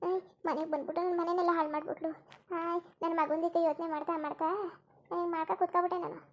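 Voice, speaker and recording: Girija, shrill bitter old mother-in-law. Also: level tone, quick pace, dull audio. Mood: spiteful, cursing. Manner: wailing, moaning and cursing under her breath. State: in pain with a hurt back. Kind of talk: cartoon voice acting.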